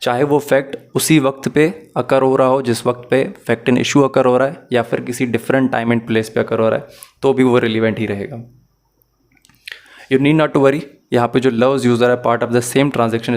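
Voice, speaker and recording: A law teacher giving an online lecture speaks in a medium-pitched male voice, level in tone and moderate in pace. He explains things step by step, restating and rewording points and slipping English phrases in.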